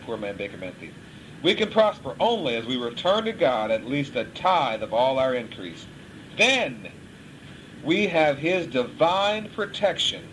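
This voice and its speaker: A man teaching a couples class from the Bible, speaking to a live group in a lively, chuckling way and acting out everyday voices. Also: medium pitch, a little hiss or hum, poor audio.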